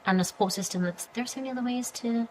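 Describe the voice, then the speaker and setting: A woman's voice: fairly high pitch, very fast, slight background noise, rough recording. A woman in her thirties, a PR agency founder, talking as a podcast guest in a loose, chatty way, full of fillers and acted-out quotes of her own reactions. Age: 30s. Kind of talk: casual interview conversation.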